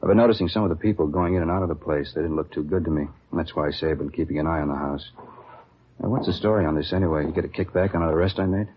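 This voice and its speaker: In a dull, lo-fi old radio recording, a man plays a plain-spoken, guarded beat cop in a 1950s radio drama. His voice sits low and comes out rapid-fire with a breathy edge as he trades casual, matter-of-fact police slang in conversational dialogue.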